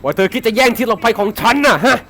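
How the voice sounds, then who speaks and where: A man voicing a nervous, hostile older man guarding his shelter in a game, reading the lines close to his own voice and quite high. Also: lively intonation, fast talker, a bit bright, full character voice. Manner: suspicious, defensive.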